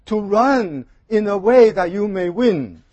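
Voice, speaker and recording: A man with a high voice preaching from a pulpit microphone, taking his time over each phrase. The sound is close and dry, with almost no room echo. He speaks in short, deliberate bursts, pausing between them. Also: lively intonation, mellow, dull audio. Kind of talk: sermon delivered in short phrases for an interpreter.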